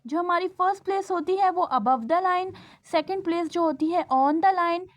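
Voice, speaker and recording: High-voiced woman teaching shorthand. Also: measured pace. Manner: patient, checks understanding often, stretches out sounds. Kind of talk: classroom lesson.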